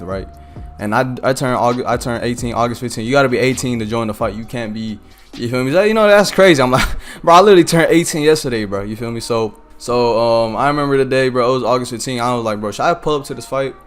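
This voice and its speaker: An eighteen-year-old man streams a game while rambling through a personal story in loose, slangy speech. His pitch sits right in the middle for a man, and he keeps checking in with "you know what I'm saying." Faint music plays under his voice. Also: fast. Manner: slangy, loose, packed with "you feel me" tags. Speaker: streamer and content creator. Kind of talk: casual storytelling while gaming.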